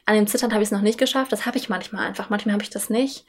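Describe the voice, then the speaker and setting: Woman, casual conversation, reflective, mid-pitched voice. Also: steady tone, fast, a little hiss or hum. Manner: reflective, talks at length about nerves.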